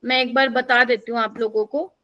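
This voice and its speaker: A young woman with a high, bright-toned voice leads a live chemistry exam-prep class in Hindi laced with English terms. She quizzes students one item at a time and keeps checking that they follow. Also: fairly even intonation, fairly quick, dull audio. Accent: Hindi, mixed with English terms. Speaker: chemistry teacher.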